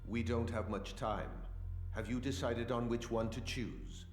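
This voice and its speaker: A man voicing a powerful otherworldly psychic creature, formal, grave and measured, in video game cutscene dialogue. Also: medium pitch, steady tone, a little mellow, close to an everyday voice. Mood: solemn. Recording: echoing voice over music.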